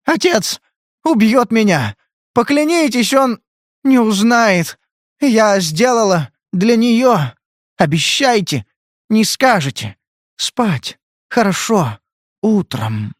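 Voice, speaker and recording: Audiobook role: a dazed, scared young woman, high and breaking, clipped pleas, read by a man. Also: lively intonation, dry recording, clean studio sound. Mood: panicked. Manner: broken, halting, pleading phrases. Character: drugged frightened young woman, faltering. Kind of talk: audiobook character reading.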